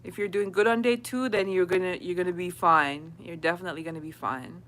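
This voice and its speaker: A woman's voice: on the low side, steady tone, brisk, a bit bright. A young woman hosting a casual livestream, chatting with viewers, answering comments and laughing often. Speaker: livestream host. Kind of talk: casual live chat with viewers.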